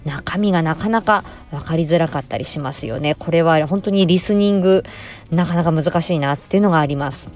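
Gentle woman podcaster reading listener comments. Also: low voice. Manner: gentle, polite, with frequent filler pauses. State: tired after work. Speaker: podcast host.

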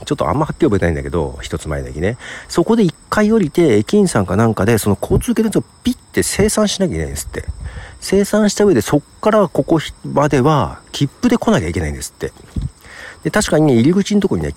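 A middle-aged man podcasting alone in a hushed, half-whispered ramble, tired, recorded on an empty train platform. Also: sits low. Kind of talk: casual solo monologue.

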